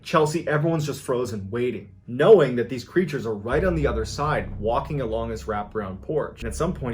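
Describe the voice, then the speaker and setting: A man retelling a frightening night story, building suspense and raising his voice for the tense moments. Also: medium pitch. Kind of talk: retelling a scary encounter.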